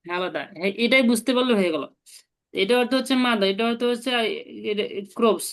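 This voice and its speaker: A woman's voice: a little high, expressive, fast. A woman, teaching a language lesson and patiently explaining each step. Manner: patient, explains step by step and asks the learner to repeat.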